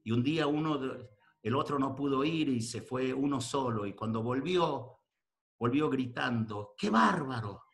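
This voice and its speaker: A man in his sixties delivers a sermon to a gathering of ministers, his mid-range voice unhurried. He fires off rhetorical questions and swings between quiet talk and shouting.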